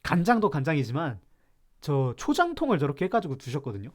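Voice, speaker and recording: A man's voice: fairly high pitch, huge pitch swings, quick pace. A man from Chungcheong, South Korea, hosting a live stream and ranting about food in a playful, mock-serious way while reacting to chat.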